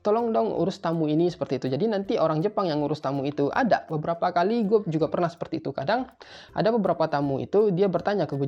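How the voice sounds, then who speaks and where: Fast-talking chatty man. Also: a little high, a little mellow. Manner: chatty, informal, keeps repeating a filler tag. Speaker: tutor for job interviews in Japan. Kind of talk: casual explainer video. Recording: slightly muffled, faint music behind.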